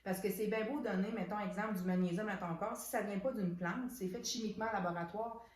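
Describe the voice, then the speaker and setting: A woman's voice: medium pitch, steady tone, fast talker. Chatty Québécois woman in an echoey room. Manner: chatty, many restarts and "donc" fillers. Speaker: soap shop owner presenting products. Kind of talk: casual product unboxing chat.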